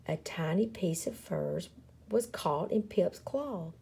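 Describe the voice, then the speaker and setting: A woman reads a children's picture book aloud with dramatic expression and playful, deliberate emphasis. Her voice is on the low side, slightly rough and marked by vocal fry.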